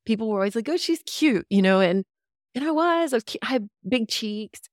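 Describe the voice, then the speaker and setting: Her voice is a little high, with lively intonation and a brisk pace, captured in studio quality without echo. She's a longtime radio personality from Central Texas, in her fifties, chatting as a podcast guest about her life in relaxed interview storytelling, reflective and quick to laugh easily.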